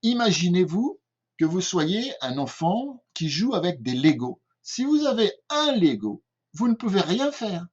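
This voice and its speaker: A man's voice: sits high, very animated, unhurried, husky. An older man from France with a French accent, giving a patient home-made language lesson and often checking in with his listeners. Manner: patient, repeats himself, often checks with "d'accord?". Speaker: English teacher. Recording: dull lo-fi recording.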